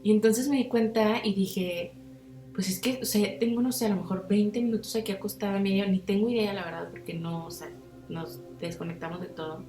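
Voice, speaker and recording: In an echoey room over soft background music, a young Mexican woman hosting a podcast talks fairly quickly in a mid-range voice. She shares a personal story in slangy, laid-back chat and brings quoted remarks to life with big, animated voice swings.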